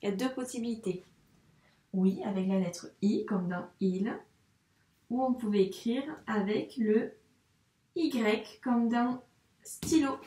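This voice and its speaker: Echoey, high-voiced woman teacher. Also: mellow. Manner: slow, clearly articulated syllables. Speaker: first-grade teacher. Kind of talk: remote dictation lesson for young children. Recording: echoey room.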